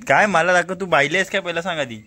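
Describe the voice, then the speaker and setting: A man's voice: on the high side, quick pace, sharp tone. A man with a Marathi accent filming a vlog, coaxing and teasing a small child in casual chat and repeating his prompts.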